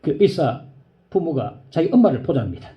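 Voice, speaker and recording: A male pastor preaching a sermon, telling a story in a low voice and rising to high, pleading cries. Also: very animated, moderate pace, lo-fi sound.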